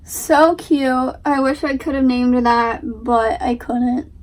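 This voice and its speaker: High-pitched young woman reacting casually. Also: steady tone, slow pace, recorded from a distance, slight background noise. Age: young adult. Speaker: reaction video host.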